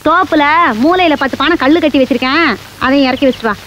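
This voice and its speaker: An actress playing a sharp-tongued village mother who sells toddy and scolds and bosses people around. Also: sits high, fast, dull audio, slight background noise. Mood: bossy. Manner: scolding, bossy. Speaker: film actress.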